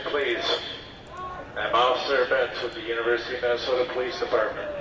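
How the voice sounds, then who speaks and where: A male police officer reading a formal dispersal order over a loudspeaker in a measured, official manner. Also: mid-range voice, poor audio. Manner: measured, official, reads a set script. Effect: through a loudspeaker.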